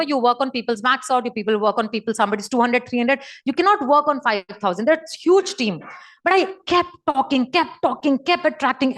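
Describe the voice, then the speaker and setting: A woman's voice: high voice, a bit bright. A middle-aged woman with an Indian English accent gives an emphatic, repetitive motivational talk to her sales team over a video call. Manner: emphatic, repetitive, coaching tone, drops into Hindi phrases. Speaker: direct-selling team leader speaking to her network.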